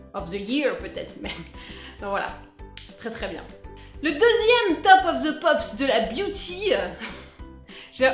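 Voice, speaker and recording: A young woman talks through a casual beauty review with a playful, chatty manner and now and then breaks into sung asides. Her voice sits a little high. The room is echoey, with faint music behind her. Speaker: beauty vlogger.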